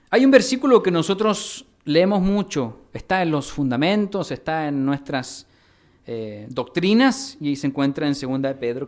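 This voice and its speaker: A man from Mexico, a pastor preaching a teaching sermon, spelling out words slowly and putting questions to his congregation. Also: a little high. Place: church hall.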